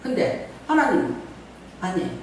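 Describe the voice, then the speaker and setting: Woman pastor, middle-aged, sermon, chatty and laughing, very lively pitch, distant mic, faint background noise. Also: moderate pace. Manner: animated, chatty, laughs often while preaching. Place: church sanctuary. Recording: very echoey church hall from far off.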